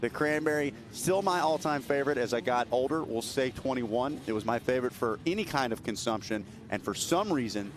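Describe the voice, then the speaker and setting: A man's voice: mid-range voice, lively intonation. Chatty male race commentator, noisy track. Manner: chatty, joking, fast-talking. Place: announcers booth at an outdoor race. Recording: noisy outdoor race broadcast.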